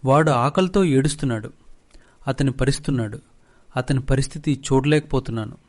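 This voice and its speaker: A man's voice: mid-range voice, brisk, lightly acted. A man voicing a poor, humble farmer who pleads for help for his son. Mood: pleading. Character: poor humble young farmer, a worried father.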